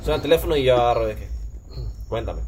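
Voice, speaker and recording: A man casually telling his side of a story to friends on a podcast, relaxed and slangy with deadpan pauses. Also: mid-range voice, slight background noise. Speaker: podcast co-host.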